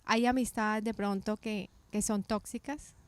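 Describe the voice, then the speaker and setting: A middle-aged woman from Colombia, telling her story in a casual faith podcast chat, animated and often restarting her sentences. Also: medium pitch, unhurried. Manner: animated storytelling with many restarts and self-corrections.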